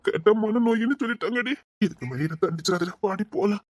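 Woman voicing a lovesick husband, husky and dry, for an audio drama; insistent, coaxing, possessive. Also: medium pitch, fast, darkish tone, dry recording, close to an everyday voice. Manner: pleading, insistent, swings between coaxing and threats. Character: possessive lovesick young husband, pleading and stubborn.

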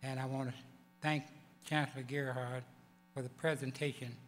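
An elderly man with a growling, hoarse voice gives a formal acceptance speech in a halting, deliberate way. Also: mid-range voice, little pitch movement. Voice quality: growling, hoarse voice from vocal cord paralysis. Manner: halting, deliberate delivery with stumbles. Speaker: award recipient giving acceptance speech. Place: large banquet hall stage. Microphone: podium microphones. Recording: echoey banquet hall PA, electrical hum.

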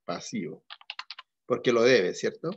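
A man's voice: lowish voice, a little slow, dull audio, a little hiss or hum. A male accounting teacher leading an online class, patiently quizzing students step by step. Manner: questioning students, patient and methodical.

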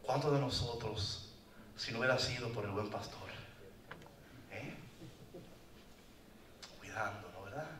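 A man preaching a lively, joking sermon at a men's conference, often calling out to the audience. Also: lowish voice, unhurried, pauses often, crowd noise. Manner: animated, joking, calls out to the audience. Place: conference hall. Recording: echoey hall, mic far off.

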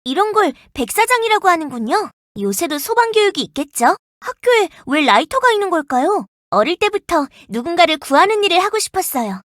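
A voice actress playing a young, earnest and protective firefighter in a game, polite and gentle, snapping into crisp radio-style reports. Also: female voice, very high voice, very animated, brisk, few pauses, no room sound, clean studio sound, full character voice. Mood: calm, gentle. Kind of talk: game character voice lines. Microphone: dry studio mic.

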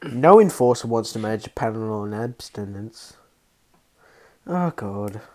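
Dude running a card game on voice chat, reads cards out, keeps giggling and ribbing his mates, mellow darkish voice. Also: fairly low pitch, animated, a little slow. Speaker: game host reading cards. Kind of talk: casual online game chat.

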